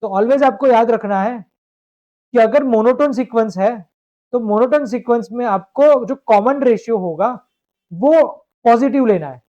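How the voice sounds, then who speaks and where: A man's voice: extremely high pitch, normal speed, dark tone. A man teaching math in a live online lecture, explaining step by step and asking students to confirm. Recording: dull lo-fi stream audio.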